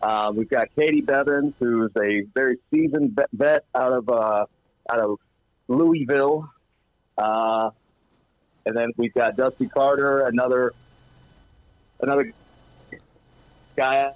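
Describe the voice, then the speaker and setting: A man phoning in as a guest over a speakerphone that is breaking up, talking casually and pausing as he lists names. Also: medium pitch, dry recording. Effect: phone call on speakerphone, breaking up. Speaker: phone-in guest promoting a comedy show. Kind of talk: casual phone chat.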